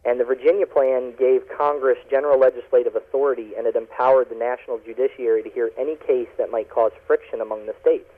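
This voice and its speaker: A man's voice: medium pitch, fairly even intonation, quick pace, few pauses. A man calling in to a talk radio interview, heard over a phone line on the radio, explaining earnestly with many ums and uhs. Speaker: activist guest calling in.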